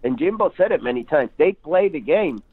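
Excitable male co-host, needling, high voice, tinny phone-like sound. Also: fairly quick, husky, no room sound. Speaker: podcast co-host. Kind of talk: sports talk show banter. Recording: tinny phone-like line, dry.

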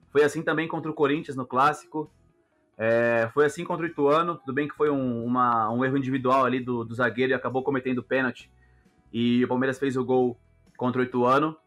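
A man's voice: medium pitch, fairly even intonation, fast, fairly bright tone, faint music behind. A Brazilian man co-hosting a football podcast in casual, slangy chat.

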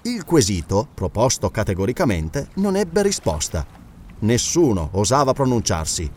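A man narrating a classic novel as an audiobook, with expressive, dramatic storytelling. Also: fairly low pitch, normal speed, slight background noise.

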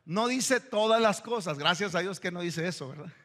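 A male pastor delivers a fervent sermon. His voice sits high and rings bright and forceful. He weaves in anecdotes and laughs now and then. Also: animated, moderate pace.

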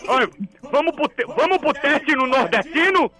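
A man's voice: very high-pitched, lively intonation, normal speed. A man voicing a boisterous, teasing Northeastern Brazilian radio character, with stammering repetitions, folksy slang and mock insults. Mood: playful. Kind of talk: comic radio banter with a caller.

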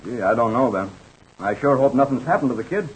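An American actor playing an eager, folksy young pilot in an old radio drama, with an earnest, hesitant way of talking. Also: male voice, mid-range voice, animated, a little fast, a little hiss or hum, close to an everyday voice, rough recording. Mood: earnest, helpful.

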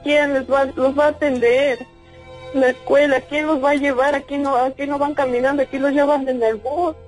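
A woman's voice: high voice, little pitch movement, moderate pace, soft background music. A woman with a Mexican accent, a distraught, swearing mother-in-law venting at length on a phone call. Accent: Mexican Spanish. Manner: distraught, profane, talks in long venting runs. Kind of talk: heated phone conversation.

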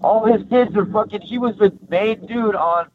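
A man's voice: high voice, moderate pace. A man, an actor guest, telling rambling, profane stories in casual chat. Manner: rambling, profane, animated anecdotes. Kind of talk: casual storytelling. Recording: tinny phone-like line, noisy.

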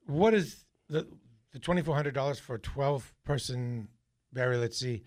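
A man's voice: mid-range voice, moderate pace, a little mellow, no echo. Curious radio host man, dry studio sound. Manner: curious, asks pointed questions. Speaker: radio talk show host. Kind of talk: call-in radio interview.

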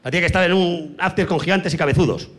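Rapid-fire and high-pitched, this Spanish comedian works through a crude onstage monologue full of brash punchlines and sudden yelled sound effects.

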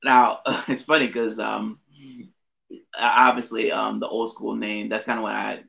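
A man's voice: on the low side, level tone, measured pace, gravelly, fairly bright tone. A middle-aged man chatting casually as a podcast guest, rambling with many fillers and restarts. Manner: rambling, frequent fillers and self-corrections. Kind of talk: casual interview chat. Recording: dull lo-fi audio.

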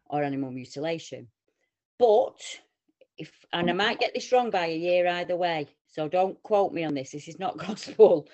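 Animated Northern English woman storyteller. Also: sits low. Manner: animated, lively storytelling with quoted voices. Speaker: podcast co-host. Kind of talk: casual round-table chat.

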